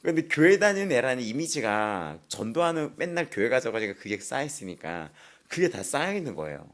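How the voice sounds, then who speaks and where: A pastor delivers an early-morning sermon full of personal stories, laughing often and acting out other people's voices in an animated way. His voice is mid-range and he talks a little fast.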